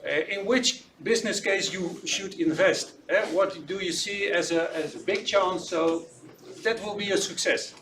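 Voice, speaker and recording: A man's voice: high voice, noisy background. A man hosting student presentations, speaking with many hesitations as he opens the event. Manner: halting, many fillers. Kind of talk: opening remarks at an event. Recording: distant mic with music behind.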